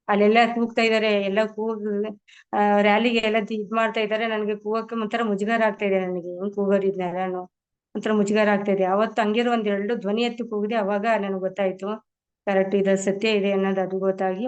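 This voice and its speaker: A woman's voice: medium pitch, clean tone, muffled recording. A middle-aged woman earnestly sharing her personal meditation experiences as a testimony to fellow practitioners. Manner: earnest, addresses listeners as masters.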